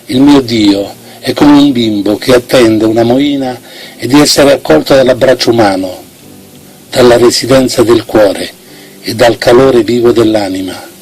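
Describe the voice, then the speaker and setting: Man, theatrical poetry declamation, mid-range voice, solemn swelling phrasing, expressive, backing music. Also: medium pitch, moderate pace, breathy edge, poor audio. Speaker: poetry reciter. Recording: music bed behind the voice.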